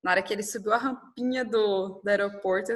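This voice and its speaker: A woman's voice: mid-range voice, fairly quick. A woman, telling her own story in an interview, acting out dialogue and often tagging "né?". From Brazil. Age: 30s. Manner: animated, quotes dialogue, frequent "né?".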